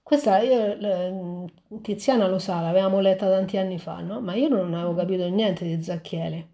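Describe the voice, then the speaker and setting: Woman reading a fairy tale and chatting about it, warm mellow voice, stops and restarts a lot. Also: fairly low pitch, fairly even intonation. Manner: reflective, halting with restarts. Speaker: storyteller.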